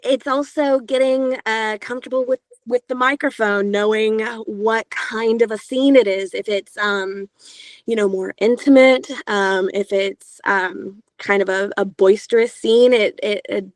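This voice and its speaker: In a dry recording, a woman from Georgia, US, talks at a measured pace and steady tone in a casual interview. Her voice is higher-pitched and younger-sounding, and as an audiobook narrator off the clock she's chatty, with plenty of filler sounds.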